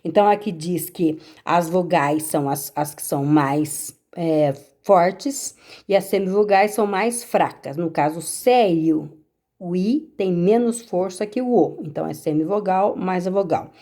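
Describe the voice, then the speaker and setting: A Brazilian teacher with a Brazilian Portuguese accent patiently goes over homework corrections, explaining step by step and checking in with her pupils. Her voice is lowish and dark, at a measured pace.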